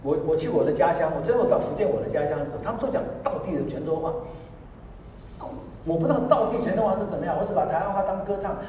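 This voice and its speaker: Laughing pastor in an echoing hall. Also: male voice, fairly high pitch, racing, slight background noise. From Taiwan. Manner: lively, laughing, acts out voices. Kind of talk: storytelling sermon. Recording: echoey hall, voice from far off.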